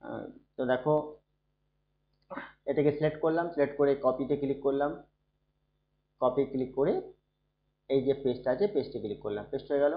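Man, soft and unwell, slow teacher, echoey room, dull sound. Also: mid-range voice, vocal fry. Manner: slow, soft-spoken, checks in often with students. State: unwell, speaking softly. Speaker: school computer teacher. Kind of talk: screen-recorded computer lesson.

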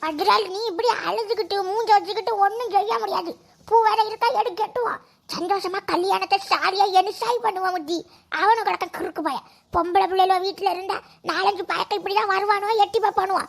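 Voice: extremely high pitch, fairly even intonation, brisk, creaky, a bit bright, exaggerated voice. A performer voicing a bossy gossiping village aunty in a cartoon, with a Kanyakumari Tamil accent and a chiding manner. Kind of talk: cartoon voice acting.

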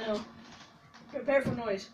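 A woman's voice: a little high, takes it slowly. A woman talking over a phone video call, teasing her friend playfully in casual chat. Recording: roomy, distant phone call with faint hiss.

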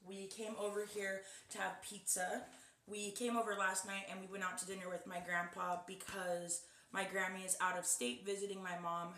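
In a small, echoey guest bedroom, a young vlogger unboxes a package while chatting to viewers directly, captured by a camera placed a little away from her. Her voice is mid-range, pushed and bright, with little pitch movement and normal speed, and there's slight background noise.

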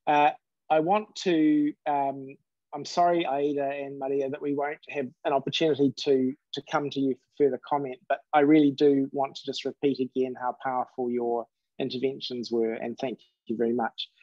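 A man's voice: mid-range voice, flat delivery, no room sound. Courteous middle-aged man moderating a call. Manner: courteous, measured, summarizing. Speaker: panel moderator. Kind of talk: webinar moderation and summing up. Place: indoor home office. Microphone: earbuds on a video call. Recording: dry, dull lo-fi call audio.

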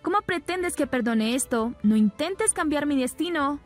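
A woman's voice: sits high, animated, normal speed, soft background music, voice pushed up. Young wife, hurt and reproachful, read by a woman narrator.

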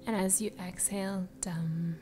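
A woman leads a guided meditation over background music. Her voice is soft and breathy, often sinking into a soothing spa whisper. She speaks very slowly at a medium pitch, leaving space between phrases. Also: steady tone. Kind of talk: slow guided meditation narration. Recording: music behind the voice.

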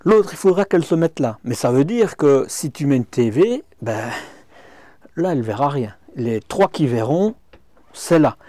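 A middle-aged man with a high-ish, animated, warm voice tours the inside of a camper van a little slowly, recorded dry on a small clip-on mic. The motorhome reviewer keeps it chatty and speaks directly to the viewer, often saying "hop-hop" and "hein."

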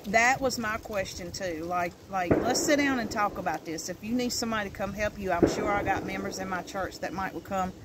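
A woman's voice: medium pitch, a little fast, few pauses. A middle-aged woman with an Appalachian accent chatting casually outdoors in a folksy, plain-spoken way. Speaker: co-host. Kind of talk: casual chat. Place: outdoors in a wooded yard. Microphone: camera a few feet away. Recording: noisy outdoor recording.

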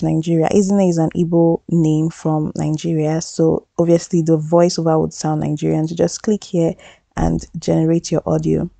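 A woman's voice: sits low, creaky, dark tone, no echo. A woman hosting a tutorial, talking over a screen recording in a chatty, upbeat, reassuring way and often restarting her phrases. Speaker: tutorial host.

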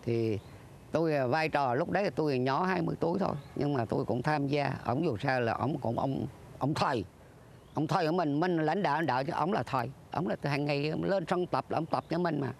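An older former troupe leader reminiscing earnestly in an interview, acting out old conversations. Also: male voice, fairly high pitch, a little fast, creaky, slight background noise. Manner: earnest, acts out dialogue, breaks into sung lines.

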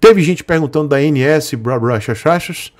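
A fairly high, slightly mellow voice at normal speed belongs to a motorcycle vlogger with a Brazilian Portuguese accent. During a casual live-stream rant, he mocks and jokes with his chat, chuckling often.

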